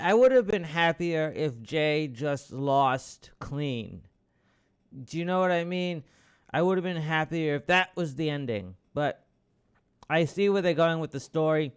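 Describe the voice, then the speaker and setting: A man hosting a podcast, talking casually about wrestling in a rambling way with restarts, bursting into loud, excited outbursts and the odd swear. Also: on the high side, smooth. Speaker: podcast host.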